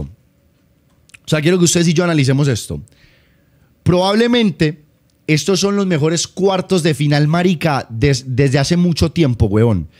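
A young man from Colombia with a Paisa accent, chatting excitably on a home live stream, swearing and teasing. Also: a little high. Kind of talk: casual live-stream chat.

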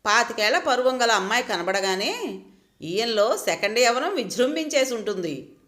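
Resigned, reasoning wife, lively, higher-toned delivery , read by a woman. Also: normal speed, roomy sound. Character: hurt but composed married woman.

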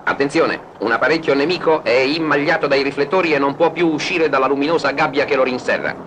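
A man's voice: mid-range voice, quick pace. Noisy 1940s newsreel, declamatory male narrator. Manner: formal, rhetorical, declamatory.

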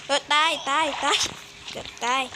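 A gamer giving casual gameplay commentary in short, slangy, muttered reactions. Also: moderate pace. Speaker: gamer commentating while playing. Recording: very noisy home gaming recording.

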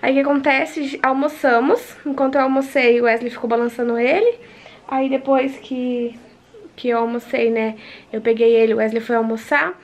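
A woman's voice: on the high side, little pitch movement, normal speed. A young woman from Brazil vlogging at home, chatting with her viewers and telling them about her day step by step on a handheld camera. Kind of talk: casual family vlog narration. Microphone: handheld vlog camera.

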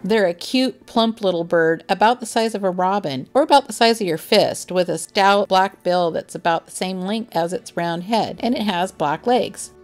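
A woman giving calm, informative scripted narration for a nature vlog, gently enthusiastic as she explains. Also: mid-range voice, normal speed, hardly any pauses. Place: voice-over, not recorded on the beach.

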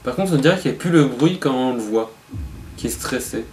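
A young man with a medium-pitched voice chats casually as he co-comments on a horror game. The home recording carries faint background noise. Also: animated, fairly quick, a little mellow, roomy sound. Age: young adult. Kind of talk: casual gameplay chat. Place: dim room at home.

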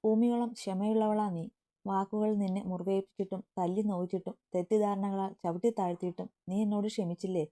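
A woman reading the lines of a tender, devoted young man in a storybook romance, in a soft pleading way. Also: medium pitch, lightly acted.

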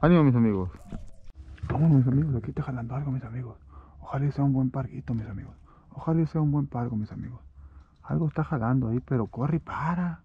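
A man, talking through a fishing trip from a boat outdoors and getting animated when a fish bites. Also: mid-range voice, quick pace, narrow, tinny audio, slight background noise. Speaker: fishing vlogger. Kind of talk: excited fishing commentary.

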